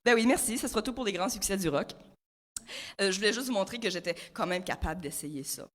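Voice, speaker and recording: Over soft background music, a 26-year-old woman from Ontario, Canada, speaking with a Franco-Ontarian French accent, performs a playful rhyming comic chronicle packed with wordplay. She is a comic columnist, and her mid-range voice is animated and fast.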